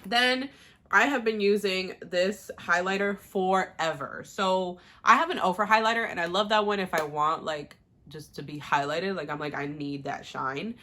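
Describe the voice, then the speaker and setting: A woman's voice: mid-range voice, moderate pace, pushed and bright. A young woman chatting casually through her everyday makeup routine, rambling with fillers and the odd laugh. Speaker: beauty vlogger. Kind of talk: casual makeup tutorial chat.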